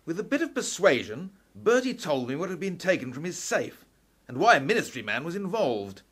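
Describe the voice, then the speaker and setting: A man playing a shrewd gentleman professor in a steampunk radio play, speaking with assured deliberation. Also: a little high, big pitch swings, brisk, slightly rough, exaggerated voice. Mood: confiding. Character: Professor Steam, shrewd gentleman inventor uncle, calmly commanding.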